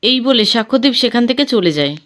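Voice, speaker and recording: Woman narrating a soap-opera recap, higher voice. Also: lively intonation, quick pace. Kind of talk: scripted plot-recap narration.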